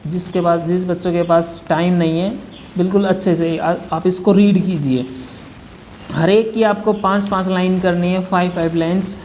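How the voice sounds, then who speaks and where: A man's voice: high-pitched, fairly even intonation, normal speed, a little mellow, slight background noise. Patient male shorthand teacher. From India. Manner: patient, repetitive, walks through examples step by step. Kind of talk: classroom lesson.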